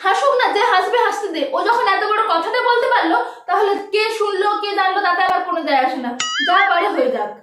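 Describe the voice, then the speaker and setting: A smug, stubborn husband teases his wife in a lowered, mocking voice, as a woman acts him out. The voice echoes hard in a bare room, picked up from a distance over background noise. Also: animated, quick pace. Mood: smug teasing. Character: stubborn teasing middle-aged husband.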